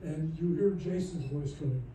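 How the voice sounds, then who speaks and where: A man's voice: fairly high pitch, unhurried, mellow. A man telling rambling, joking anecdotes as a guest at a festival Q&A, recorded from far off in an echoey hall. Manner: rambling, jokey, restarts often. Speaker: panel guest. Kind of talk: anecdotal storytelling at a Q&A. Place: festival screening venue.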